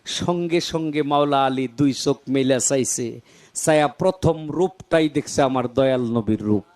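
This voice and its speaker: Male preacher, high voice, colloquial storytelling sermon, dramatic rises and falls.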